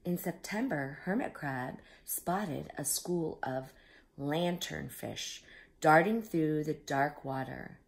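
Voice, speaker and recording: A woman reading a picture book aloud to young children, expressive, with simple explanatory asides. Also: sits low, slow, gravelly. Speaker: children's storyteller.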